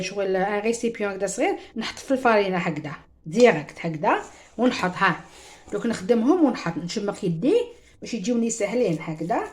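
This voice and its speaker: A cooking show host with an Algerian Arabic accent and a medium-pitched, somewhat mellow voice runs a chatty home cooking demonstration. She speaks straight to her viewers, mixing in French words.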